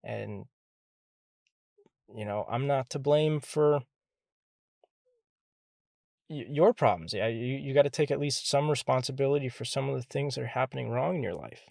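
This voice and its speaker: A young man telling a personal story in a halting, earnest way, stumbling and repeating words as he goes. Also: medium pitch, vocal fry, darkish tone, no room sound, clean studio sound. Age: young adult. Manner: candid and earnest. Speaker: interviewee recounting his college years.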